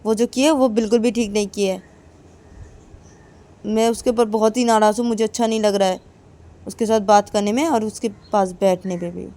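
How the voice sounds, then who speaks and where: A woman's voice: medium pitch, fairly even intonation, moderate pace, pauses often, mellow, close to an everyday voice. A woman voicing Ananya, a young woman who speaks curtly and sternly to her girlfriend in a told story. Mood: sulky. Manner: curt, stern.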